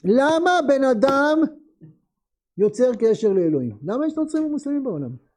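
Very high-voiced male teacher. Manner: lively, asks students many questions. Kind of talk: classroom text lesson.

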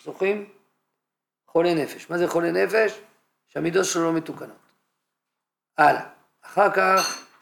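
A man's voice: high-pitched, vocal fry, a bit bright. A man teaching a humorous religious lecture in a yeshiva study hall, telling stories and acting out scenes. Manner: anecdotal, acts out scenes.

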